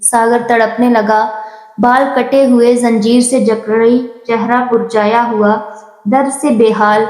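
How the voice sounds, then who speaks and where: A woman's voice: on the high side, darkish tone. Woman narrating a mournful story in an echoey room. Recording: roomy with long reverb.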